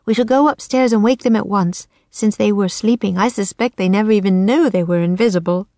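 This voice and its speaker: A woman's voice: mid-range voice, a little fast, warm tone, no room sound, clean studio sound, voice pushed up, natural voice. A woman voicing a cheerful young girl who is a castle daughter, telling her tale eagerly. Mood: earnest.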